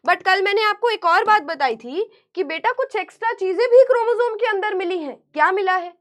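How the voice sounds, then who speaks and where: A woman teacher giving an online class lecture, animated and repeating key terms back to her students as questions. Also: very high voice, fairly quick.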